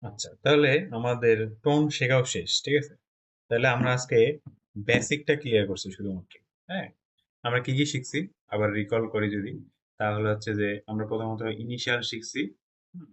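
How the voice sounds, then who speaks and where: Bangladeshi guy teaching a chinese class, mid pitch, step by step, keeps asking right?. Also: brisk, a bit bright. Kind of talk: classroom lesson.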